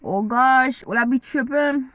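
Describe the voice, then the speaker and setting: A woman's voice: sits high, unhurried, a bit bright, slight background noise, low-quality recording. A woman from Jamaica with a Jamaican accent, chatting playfully to camera and eating as she talks. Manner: playful, teasing, eating while talking. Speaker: vlogger. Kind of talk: casual chat to camera.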